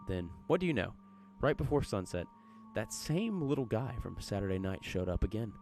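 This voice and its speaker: Deep-voiced man reading a horror story. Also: lively intonation, moderate pace, a little mellow, faint music behind. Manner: folksy, chatty storytelling. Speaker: narrator.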